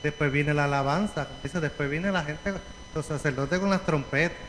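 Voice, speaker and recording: Casting: Puerto Rican male congregant, slightly high voice, echoing hall, faint background noise. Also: normal speed, fairly bright tone. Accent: Puerto Rican Spanish. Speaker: congregation member. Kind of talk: sharing a Bible reflection. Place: church sanctuary.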